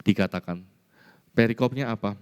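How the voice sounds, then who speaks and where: A male pastor from Indonesia preaching a sermon, telling personal stories in an animated way. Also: lowish voice, normal speed, clear, resonant tone. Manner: storytelling preacher, animated, mimics voices in anecdotes. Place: church hall. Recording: church hall reverb.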